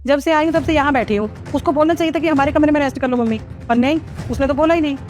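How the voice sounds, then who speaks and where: A woman's voice: sits high, very fast, darkish tone, soft background music, lightly acted. A woman playing a fussy, easily offended mother-in-law in a family drama, complaining and indignant. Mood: aggrieved. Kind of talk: Hindi family drama acting.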